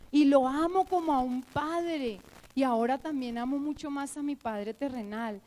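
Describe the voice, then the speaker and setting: A middle-aged woman preaching at church, telling her own testimony in an emotional, animated way with many fillers. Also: high voice, poor audio. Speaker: church teacher. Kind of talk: sermon with personal testimony.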